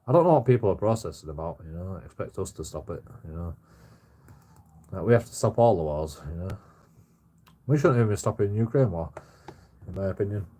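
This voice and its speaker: On his livestream, a Bradford man in his forties, with a West Yorkshire accent, rants casually and bluntly, swearing, repeating himself and ending sentences with "you know." His voice is low and dark, with lively intonation. He talks briskly but pauses often.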